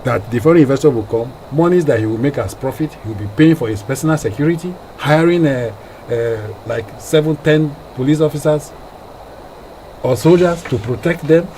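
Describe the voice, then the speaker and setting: A man's voice: medium pitch, moderate pace, warm tone, a little hiss or hum, rough recording. A man speaking as a studio guest and researcher on a radio talk show, in an emphatic way with repeats for stress.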